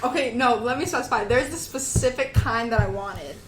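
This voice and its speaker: A young woman in her twenties co-hosts a casual podcast, giggly and dramatic. Her voice sits high. The sound is roomy and echoey, with a clear layer of background noise. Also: brisk. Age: 20s. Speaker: podcast co-host. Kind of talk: casual chat.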